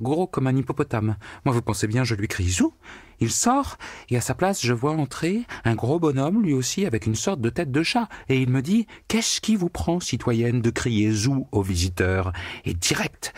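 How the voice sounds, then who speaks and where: A man's voice: husky, dry recording, studio quality. A man voicing a hysterical young female secretary who wails and sobs, her nose stuffed from crying. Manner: shrill, wailing and tearful.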